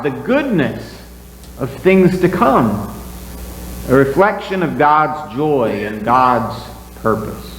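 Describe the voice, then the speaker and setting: A male pastor preaching a sermon into a pulpit microphone, speaking slowly with a lively, rising and falling delivery. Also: on the high side. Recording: echoey church hall, faint hum.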